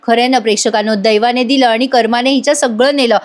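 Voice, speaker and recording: A woman's voice: on the high side, steady tone, fast. A woman recapping a TV serial episode in a chatty voice-over, talking straight to her viewers. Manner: chatty, addresses the viewers directly. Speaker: TV serial reviewer.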